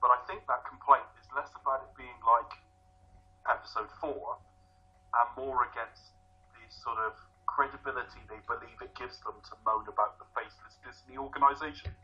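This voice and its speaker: A man on a podcast panel, arguing his points in casual chat with quick interjections. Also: medium pitch, steady tone, sharp tone, muffled recording.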